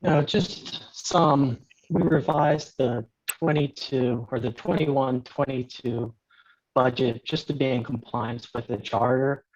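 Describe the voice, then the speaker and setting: A man's voice: medium pitch, fairly even intonation, slow. A man speaking in a meeting over a phone call through earbuds, his voice garbled and breaking up. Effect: glitchy, garbled call audio breaking up. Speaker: town finance official on a call. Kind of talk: meeting remarks. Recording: muffled lo-fi call audio.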